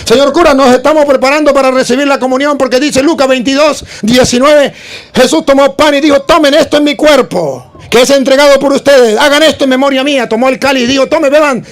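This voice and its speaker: A man's voice: extremely high pitch, quick pace, pitched above the performer's own voice. A man voicing an earnest young boy who eagerly pleads and recites scripture, within a sermon. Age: child.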